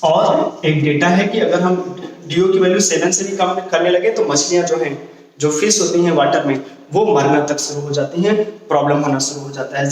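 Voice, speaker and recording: A male chemistry teacher giving a classroom lecture, explaining with questions and repetition and mixing Hindi with English terms. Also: high voice. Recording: echoey room, voice from far off.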